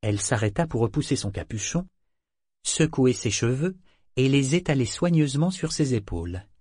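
A man narrating a novel in a measured, steady storytelling voice. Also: medium pitch, slightly rough, no echo, clean studio sound. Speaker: audiobook narrator. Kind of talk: scripted narration.

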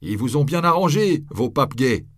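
A man's voice: mid-range voice, very animated, normal speed, fairly bright tone, no room sound, studio quality, pitched above the performer's own voice. A man reading an audiobook voices a condemned friar, raising his voice into firm, fervent declarations.

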